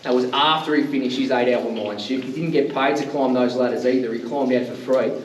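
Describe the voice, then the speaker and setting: An Australian man guiding a group tour in a loud, projecting teacher voice, with informal, jokey patter. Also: medium pitch, a little fast, distant mic. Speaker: underground mine tour guide. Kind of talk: guided tour talk to a group. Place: underground mine tunnel. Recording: echoey underground space, off mic, faint noise.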